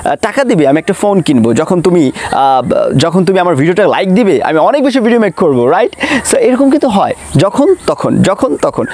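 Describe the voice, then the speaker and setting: A man teaching an online English grammar lesson, mixing English into Bengali and drilling example sentences slowly. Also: high voice, darkish tone.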